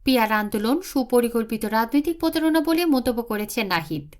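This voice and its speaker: Woman, news presenter, high-pitched, formal scripted reading. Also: quick pace. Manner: even, formal delivery.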